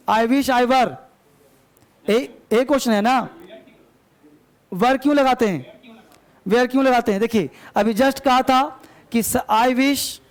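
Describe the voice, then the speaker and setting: A male English teacher, drilling example sentences slowly and quizzing his students in a live lesson. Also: extremely high pitch, clean tone.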